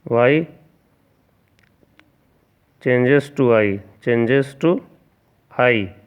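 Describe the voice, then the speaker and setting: Man as a grammar teacher, slow and deliberate, smooth clear voice, tinny phone-like sound, spells words out and quizzes the class. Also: medium pitch. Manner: spells words out letter by letter and asks the class rhetorical questions.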